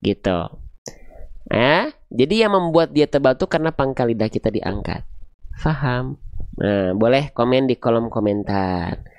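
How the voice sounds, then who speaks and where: Smooth-voiced man teaching recitation. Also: mid-range voice, expressive, measured pace, long pauses, no echo. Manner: asks questions aloud and answers them himself; patient, step-by-step explaining. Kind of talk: online video lesson.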